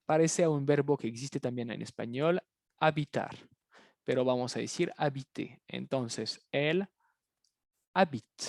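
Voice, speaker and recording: A man's voice: medium pitch, a little slow, gravelly, a little mellow, no echo, clean studio sound. A man teaching a French review lesson in Spanish, patiently repeating phrases for his students. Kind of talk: online language lesson, explaining in Spanish.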